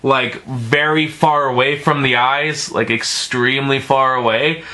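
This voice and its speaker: A man's voice: mid-range voice, fairly even intonation, a little slow, bright, forceful tone. A man giving a casual, profane film review, rambling and stumbling over his words, with emphatic, exasperated complaints.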